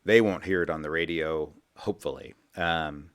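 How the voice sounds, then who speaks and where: Deep-voiced folksy radio host. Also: male voice, moderate pace, a bit bright, clean tone. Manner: rambling, repeats words, folksy. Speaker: financial radio show host. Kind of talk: casual radio talk with sales pitch. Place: radio studio.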